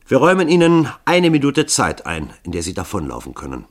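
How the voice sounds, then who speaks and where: A man's voice: medium pitch, huge pitch swings, fairly quick, pitched above the performer's own voice. A man reading a novel aloud, voicing the formal, courteous spokesman of a group of assassins. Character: formal male spokesman of a band of killers.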